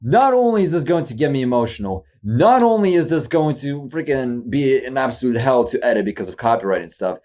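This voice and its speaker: A man in casual reaction commentary, rambling and slangy, excitable and poking fun at himself. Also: medium pitch, brisk, few pauses. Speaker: YouTube reactor.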